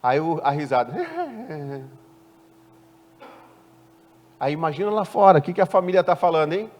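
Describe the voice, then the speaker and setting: A man preaching a sermon, animated and often questioning the congregation with playful asides. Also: fairly high pitch, brisk. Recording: long church-hall reverb.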